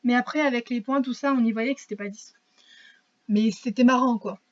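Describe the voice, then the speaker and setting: Talking briskly to camera, a teen girl vlogger with a slightly high voice rambles and pokes fun at herself. Her speech is full of fillers and restarts, and the highs in the audio are cut off.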